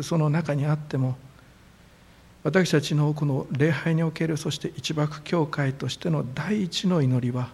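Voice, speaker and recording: A man serving as a church pastor, leading a formal prayer and then preaching in a relaxed, friendly way. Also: a little high, vocal fry. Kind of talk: prayer and sermon. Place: church sanctuary.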